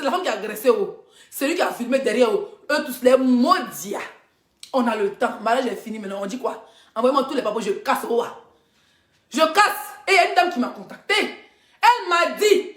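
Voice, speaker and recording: A woman blogger in a live social media rant, loud and mocking, often laughing as she talks. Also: high-pitched, echoey room. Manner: mocking, loud, laughing through her talk. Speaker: blogger and influencer.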